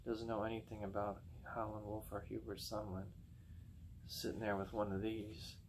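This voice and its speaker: A man's voice: on the low side, monotone, normal speed, slight background noise. A man giving a casual acoustic guitar lesson, rambling and repeating words as he corrects himself. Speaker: guitar teacher. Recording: guitar music behind voice. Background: acoustic guitar playing.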